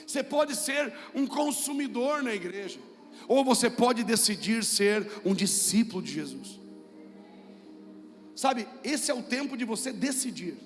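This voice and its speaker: A very high-pitched male pastor with a Brazilian Portuguese accent preaches in a church hall with music, with a long reverb tail. Emphatic and repetitive, he has the congregation repeat after him.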